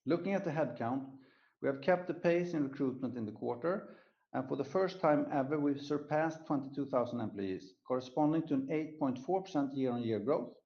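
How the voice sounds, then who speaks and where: Over a conference call line with the highs cut off, a man with a mid-range voice presents company results on an earnings call. As an executive reading prepared remarks, he speaks fairly quickly in a formal, scripted way.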